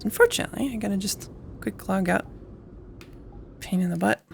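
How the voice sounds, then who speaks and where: A woman's voice: mid-range voice, a little fast, creaky, slight background noise. A woman composing music live in VR, chatting casually with her stream audience, laughing often and muttering to herself over technical glitches.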